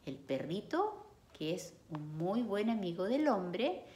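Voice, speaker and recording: A woman's voice: mid-range voice, big pitch swings, slow, a little hiss or hum. A woman reading a picture book aloud to children, stopping to explain the pictures. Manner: warm, explains the pictures to kids. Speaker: storyteller for children. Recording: echoey room.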